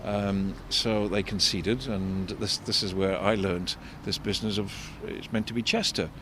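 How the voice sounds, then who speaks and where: An older man giving unscripted commentary as an architect and local guide, discursive and explanatory, halting and repeating words. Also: fairly even intonation. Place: outdoors in a shopping street. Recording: vehicle rumble, street noise. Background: faint street traffic rumble.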